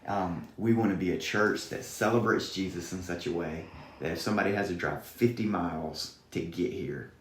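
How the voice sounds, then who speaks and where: A student pastor with a Southern accent and a low voice speaks earnestly as a guest in a podcast interview, at a moderate pace. His manner is preacherly and he quotes scripture, and the room sounds echoey.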